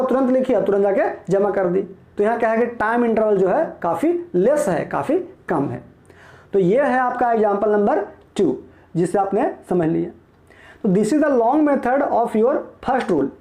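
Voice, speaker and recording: Mellow-voiced male teacher in an echoey room. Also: sits high. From Bihar, India. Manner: explains step by step, asking the class rhetorical questions. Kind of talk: classroom grammar lecture.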